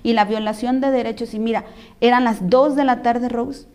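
Guest voice: Mexican woman, higher-than-average pitch, earnest testimony that voices other people's lines. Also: normal speed. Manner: earnest, animated retelling, acting out others' words. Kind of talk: personal testimony in a conversation.

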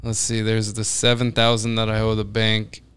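A man in his thirties hosting a casual podcast chat, animated and jumping high in pitch when excited. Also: moderate pace, a little hiss or hum. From United States. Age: 30s. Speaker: podcast host.

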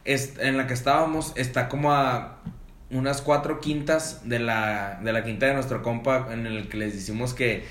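Speaking at a moderate pace in a mid-range voice, a man animatedly tells friends a funny party story, heavy on slang and acting out the voices in it. The sound is roomy with a little hiss or hum.

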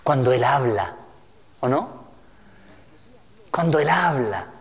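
A man's voice: medium pitch, animated, takes it slowly. A male pastor giving a teaching sermon, reading scripture aloud and asking the listeners questions. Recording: reverberant hall.

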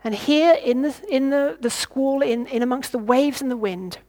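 A woman's voice: high voice, normal speed, a little mellow. Woman preaching a reflective sermon. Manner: reflective, asks the listeners questions.

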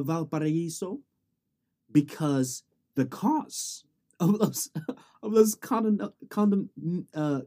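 A young adult student talks through a documentary in a loose, rambling way. The voice is mellow and soft-edged. The speaker keeps saying "sort of", restarts sentences and drops in joking asides. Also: mid-range voice, slightly rough. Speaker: student about to graduate. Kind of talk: casual spoken summary of a documentary.

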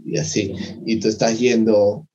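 Low-voiced young man rambling casually. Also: flat delivery, measured pace, dark tone, slight background noise. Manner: rambling, loses his words, slangy. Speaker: podcast co-host. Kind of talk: casual chat. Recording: dull lo-fi sound.

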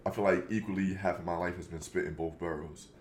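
A lower-voiced man with a New York accent banters on a podcast. He talks animatedly, stumbles into restarts and swears freely, with his voice ringing in a roomy space. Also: fast talker, noisy background. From New York City. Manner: animated storyteller with frequent restarts and profanity. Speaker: podcast co-host. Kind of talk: casual banter.

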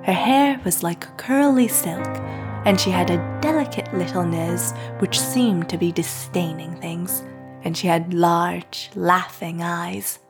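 A woman narrating a classic novel in a soft, hushed reading voice. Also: on the low side, slow, over music. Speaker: audiobook narrator.

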